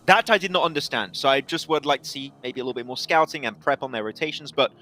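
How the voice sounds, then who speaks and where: A man giving quick, animated analysis at an esports desk, with frequent restarts. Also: mid-range voice.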